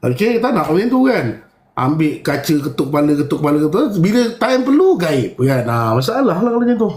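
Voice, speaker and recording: Malaysian-accented man, fairly high voice, casual live-stream chat, blunt, firm, echoey room. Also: big pitch swings, quick pace, a little mellow. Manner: blunt and self-described firm, mimics people. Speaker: live-stream host sharing experiences.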